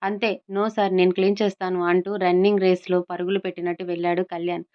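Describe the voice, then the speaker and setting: A woman's voice: on the low side, level tone, fast talker. A woman narrating a love story as a storyteller, reading each character's dialogue in her own plain voice. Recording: slightly dull lo-fi recording.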